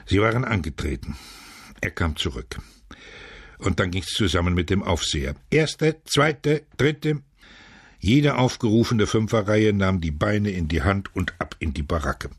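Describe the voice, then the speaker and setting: A man reading a novel aloud as scripted narration, measured and steady, switching to loud shouts for quoted lines. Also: sits low, husky, no echo, clean studio sound. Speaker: audiobook narrator.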